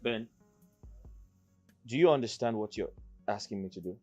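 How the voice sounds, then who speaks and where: A man's voice: on the low side, expressive, normal speed, a little mellow, soft background music, close to an everyday voice. An actor playing an embittered man in a film drama, stern and formally civil as he refuses. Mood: bitter.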